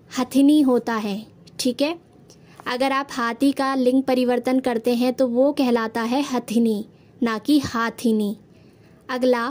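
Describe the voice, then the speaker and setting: High-voiced woman teaching Hindi spelling. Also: warm tone. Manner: patient, step-by-step explaining, addresses students as children. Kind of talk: spelling lesson for students.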